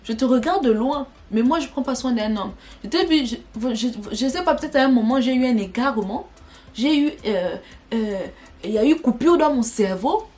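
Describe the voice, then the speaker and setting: A young woman telling a personal story in an animated, dramatic way for her vlog. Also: fairly high pitch, moderate pace. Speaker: vlogger.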